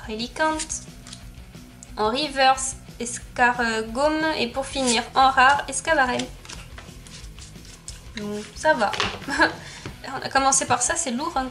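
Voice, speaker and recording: A woman's voice: high voice, fairly bright tone. A woman YouTuber giving casual, chatty commentary as she opens card packs, reading off card names and laughing often.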